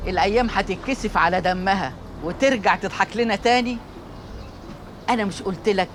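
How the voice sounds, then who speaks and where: An actress as a proud older Egyptian matriarch. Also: female voice, medium pitch, fairly quick, recorded from a distance, a little hiss or hum, close to an everyday voice. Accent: Egyptian Arabic. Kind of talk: TV drama acting.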